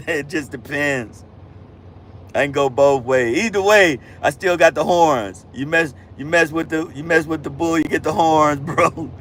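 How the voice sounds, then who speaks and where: Fairly high-pitched and a bit bright, this man's voice moves at a measured pace over slight background noise. He's a trucker in his fifties running a relaxed livestream, replying to comments with plenty of slang and addressing viewers as bro and fam.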